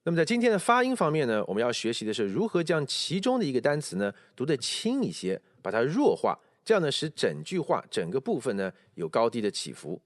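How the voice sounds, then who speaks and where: A man teaching English pronunciation, explaining and slowly repeating English phrases to show stress and intonation. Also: medium pitch, huge pitch swings, no echo, clean studio sound. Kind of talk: pronunciation lesson with spoken examples.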